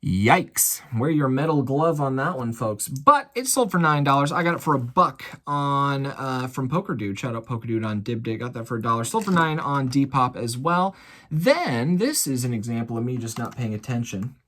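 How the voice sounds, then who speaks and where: An American online reseller talks casually to viewers in a vlog, running through a recap of items sold like a chatty, folksy showman. His medium-pitched voice is very animated and fairly bright, at normal speed.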